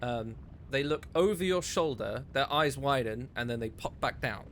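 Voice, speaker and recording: A man's voice: medium pitch, animated, normal speed, a bit bright, a little hiss or hum. A man running a tabletop game as game master, chatty with lots of fillers and casual swearing.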